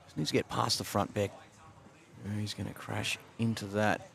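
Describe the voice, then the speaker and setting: A man doing relaxed, conversational live commentary on a sports broadcast. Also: on the low side, moderate pace, gravelly.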